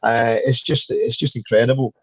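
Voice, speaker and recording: A man's voice: mid-range voice, fairly even intonation, normal speed, breathy edge, no echo, rough recording. A man with a Scottish accent, a guest in a casual chat, who often stumbles over his first words. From Scotland. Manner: repeats words when starting sentences, chatty. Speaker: guest, fundraiser.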